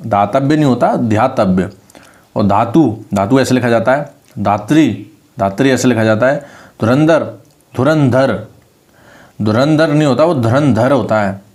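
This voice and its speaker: A man's voice: medium pitch, a little slow, long pauses, a little mellow. A man with a Rajasthani Hindi accent, tutoring an online spelling class and repeating each word while stressing the correct form.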